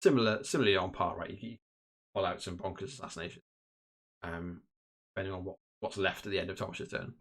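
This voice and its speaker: A man with a lowish voice casually commentating a tabletop wargame stream. He rambles and restarts his sentences often, filling gaps with ums and likes. The talk stays relaxed and conversational. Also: quick pace. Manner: chatty, many fillers and restarts. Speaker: host and commentator. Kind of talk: casual live game commentary.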